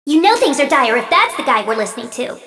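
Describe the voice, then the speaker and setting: An actress playing a bratty young nature goddess in a video game, snippy and sarcastic, with a reverberant, distant sound. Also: female voice, high-pitched, very animated, quick pace, fairly bright tone, exaggerated voice. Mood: sarcastic, taunting. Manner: snippy, taunting. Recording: roomy, distant, long reverb.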